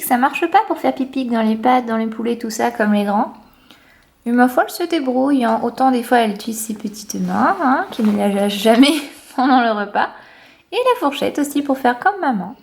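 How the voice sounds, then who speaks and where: A young woman vlogs about family life, talking casually to camera indoors in her apartment with enthusiasm and many fillers. She has a high, slightly mellow voice, and there is slight background noise.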